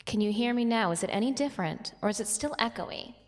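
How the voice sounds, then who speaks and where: A woman's voice: a little high, expressive, fast, faint music behind. Woman's voice drowned in cave reverb. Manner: chatty, giggly, self-deprecating. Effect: heavy cave-like reverb on the mic. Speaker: live streamer. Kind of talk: casual live-stream chat.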